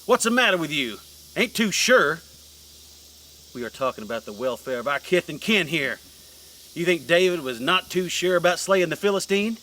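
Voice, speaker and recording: A man's voice: a little high, lively intonation, brisk, sharp tone, a little hiss or hum. A man, playing a rural preacher who rouses a mob with scornful scripture. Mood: preaching. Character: menacing rural preacher leading a lynch mob. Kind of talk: film drama acting.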